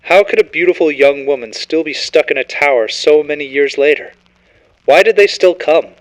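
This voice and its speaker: A man's voice: fairly high pitch, normal speed, rough recording. A man reading a scripted horror story as narrator, in a dramatic, ominous storytelling manner.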